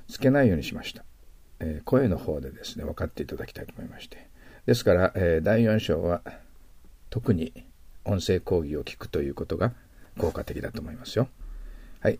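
Deep, dry-voiced man teaching English words. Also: darkish tone, slightly rough, no room sound. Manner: patient, explanatory, repeats words slowly for pronunciation. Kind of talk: recorded audio lecture.

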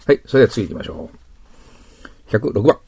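A man's voice: lowish voice, animated, brisk, gravelly, a little mellow, husky. A man teaching English exam questions in a patient lecture, often checking in with his listeners. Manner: patient explaining, frequent tag questions.

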